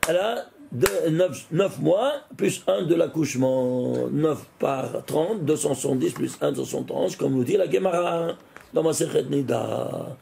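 Man, rabbi, high voice, gravelly, teaching a Torah class, asks and answers his own questions. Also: unhurried, a little hiss or hum. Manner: asks questions and answers them himself, animated rise and fall. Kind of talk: recorded Torah lesson.

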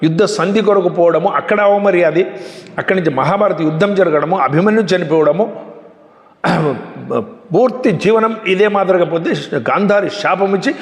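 A man telling religious stories in an emphatic, animated sermon. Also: high-pitched, normal speed. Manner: emphatic, animated retelling with frequent restarts. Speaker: religious speaker. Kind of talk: storytelling sermon. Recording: echoey hall.

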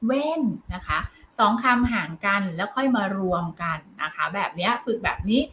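A woman teaching parents how to help their children speak, in a gentle, encouraging way that ends her phrases with polite particles. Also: medium pitch, animated, brisk, highs cut off, slight background noise. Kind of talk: parenting advice lesson.

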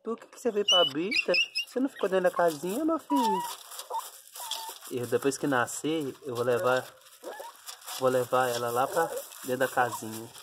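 A man's voice: medium pitch, lively intonation, moderate pace, background noise. A man films his dog giving birth, talking to her in soothing baby talk that often drops to a whisper. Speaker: dog owner filming a birth. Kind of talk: casual vlog narration.

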